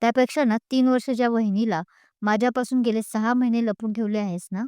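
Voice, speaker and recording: A woman's voice: fairly high pitch, steady tone, a little fast, a little mellow, clear, resonant tone, no room sound, studio quality, lightly acted. A woman playing a playful teasing young heroine. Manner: teasing, laughing as she talks. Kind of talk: audio story character voice.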